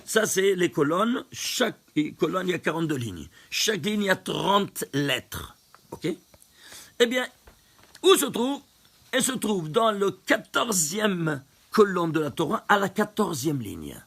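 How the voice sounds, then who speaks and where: A man's voice: sits high, big pitch swings, a little slow, gravelly, fairly bright tone, breathy edge. A rabbi teaching a Torah class, counting out numbers step by step and putting questions to his listeners. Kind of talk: lively recorded Torah lesson.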